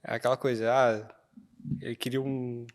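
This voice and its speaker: A man's voice: medium pitch, level tone, moderate pace. Man answering briefly as interview guest.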